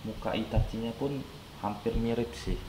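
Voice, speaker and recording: A young unboxing vlogger chats casually and rambles with lots of fillers, his voice nasal and stuffy from a cold. He speaks at a fairly low pitch with fairly even intonation and normal speed. The room is echoey, with clearly audible background noise.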